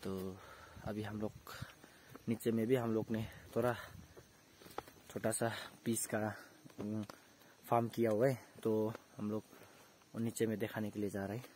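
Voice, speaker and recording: A young man narrates a relaxed tour of his farm, naming each plot in turn in a low, even voice that barely rises or falls. He films outdoors on a phone held at arm's length, with faint outdoor noise behind him. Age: young adult. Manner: plain, unhurried, points things out one by one. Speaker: farm vlogger. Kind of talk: casual walking tour narration. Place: hillside vegetable farm outdoors.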